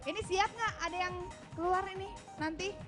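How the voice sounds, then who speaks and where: A very high-pitched young woman co-hosts a live television music show, her showing as she teases her partner. The broadcast carries steady studio music underneath her voice. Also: normal speed. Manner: playful, teasing banter. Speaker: TV show co-host.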